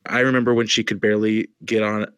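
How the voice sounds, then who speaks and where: A man who works as a nurse, co-hosting a podcast in casual chat, telling stories in an animated way and acting out exasperated exclamations. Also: lowish voice, fast, clean tone. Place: home, dog nearby.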